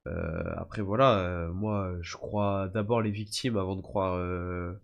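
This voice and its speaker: Low, steady, and unhurried, his voice carries vocal fry over lo-fi sound. He's a young French livestreamer, often sick, casually chatting and telling stories in slang to viewers he calls "les gars" and "frère."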